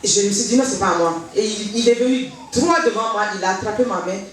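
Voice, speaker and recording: A woman's voice: medium pitch, fast. Woman telling her church testimony, acts out the dialogue, mic way off, really echoey hall, bit of hiss behind. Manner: lively storytelling, acting out reported dialogue. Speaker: church member giving testimony. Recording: echoey hall from far off, faint noise.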